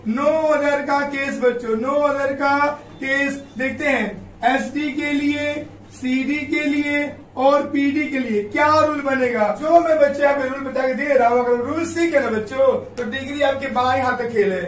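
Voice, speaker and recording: A man's voice: very high-pitched, steady tone, measured pace, hardly any pauses. A male grammar teacher, giving a classroom-style lesson, repeatedly calling his students kids and answering his own questions. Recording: echoey room, voice far from mic, faint background noise.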